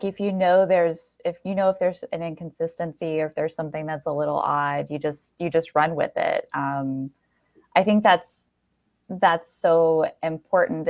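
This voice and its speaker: Captured in a dry, studio-quality recording, a lowish-voiced podcast host talks casually with her guest, enthusiastic and affirming throughout the interview.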